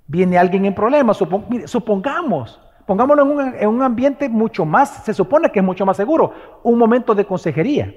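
High-voiced preacher in a reverberant hall. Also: male voice, lively intonation, a little fast, lo-fi sound. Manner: rhetorical questions, swings between loud exhortation and hushed tender passages. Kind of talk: sermon.

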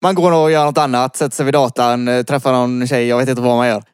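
A man's voice: mid-range voice, steady tone, clear, resonant tone, no echo, clean studio sound. A man co-hosting a casual rant podcast, hesitant, laughing often and swearing casually. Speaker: podcast co-host.

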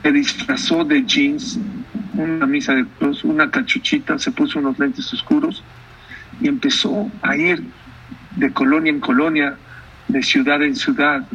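A man's voice: on the high side, fairly even intonation, measured pace, fairly bright tone, slightly rough, far from the mic. Guy preaching, tells a story, keeps asking the crowd stuff, dull lo-fi recording. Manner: storytelling, asks the audience questions. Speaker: rabbi. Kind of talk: sermon.

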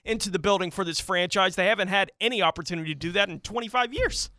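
American guy co-hosting sports radio, highish crisp bright voice, earnest and chatty, dry sound. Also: quick pace, no echo. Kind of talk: conversational sports commentary. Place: radio studio.

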